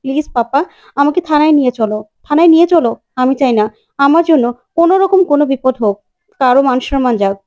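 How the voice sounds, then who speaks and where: A woman's voice: high-pitched, lively intonation, quick pace, mellow. A woman voicing a frail young woman who begs urgently. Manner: urgent begging.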